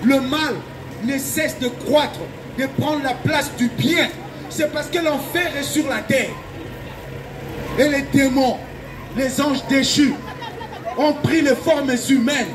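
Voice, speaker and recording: This Belgian evangelical preacher's voice sits extremely high and steady as he slowly delivers a fervent open-air sermon, urging listeners on with emphatic repetition. The noisy recording clearly picks up traffic and a crowd behind him.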